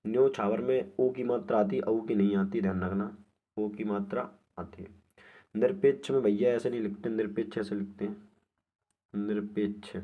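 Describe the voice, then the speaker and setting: A man's voice: fairly low pitch, phone-quality sound. A man teaching an exam-prep spelling lesson, repeating each word and answer over and over. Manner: repetitive, drills each word aloud.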